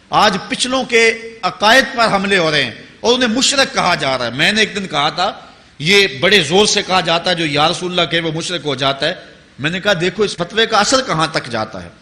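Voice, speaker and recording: Male preacher, impassioned sermon, forceful voice, long hall reverb. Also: high-pitched. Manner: impassioned, rising to emphatic peaks, chanting Arabic quotations slowly. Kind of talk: Urdu religious sermon.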